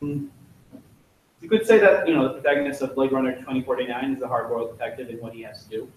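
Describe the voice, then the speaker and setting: A man's voice: mid-range voice, lively intonation, fast talker, very echoey, background noise. A young man giving a casual, joking club talk with slides, chatty and full of fillers, recorded from far off in a classroom. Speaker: student club presenter. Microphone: distant room mic.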